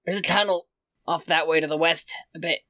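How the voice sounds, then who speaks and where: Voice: medium pitch, fairly even intonation, fairly quick, pushed and bright, no room sound, studio quality, lightly acted. A game master voicing a shifty bug smuggler, pleading and evasive, in a tabletop game. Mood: coaxing, evasive. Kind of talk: tabletop game role-play.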